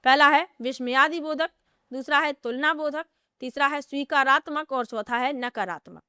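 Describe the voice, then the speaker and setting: High, bright-voiced woman teaching grammar. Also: normal speed, no room sound, studio quality. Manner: explains step by step, repeats rhetorical questions. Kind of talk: exam-prep grammar lesson.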